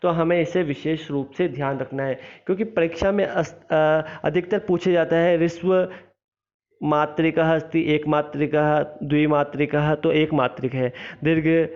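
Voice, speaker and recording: A man's voice: fairly high pitch, little pitch movement, measured pace. A male teacher, explaining a grammar lesson and repeating each point as a question he then answers. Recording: slightly dull, lo-fi recording.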